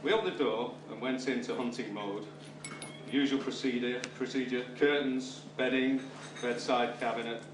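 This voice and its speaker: With a mid-range voice at a moderate pace, a British man of middle age or beyond gives a wedding speech as father of the bride, his humour wry and dry. Guests' laughter and general room noise are clearly audible on the roomy, distantly miked recording.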